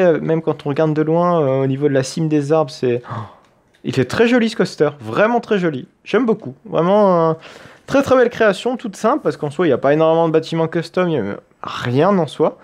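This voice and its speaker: A man's voice: a little high, a little mellow. Enthusiastic man commentating a game. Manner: enthusiastic, chatty, thinking aloud. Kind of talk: casual let's-play commentary.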